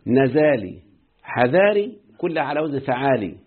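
A man's voice: medium pitch, big pitch swings, normal speed, slightly rough. A man with an Egyptian accent teaching an Arabic grammar lesson and often quizzing his students. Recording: muffled phone-like lo-fi audio.

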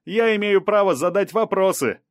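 A pushy newspaper reporter who won't back off, his voice pitched well above the narrator's own and pushed loud. He shouts his questions insistently, recorded dry and close for a storybook reading. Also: a little fast, no echo, lightly acted.

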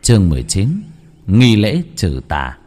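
A man narrating a scripted ghost story with dramatic, expressive storytelling. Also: on the low side, measured pace.

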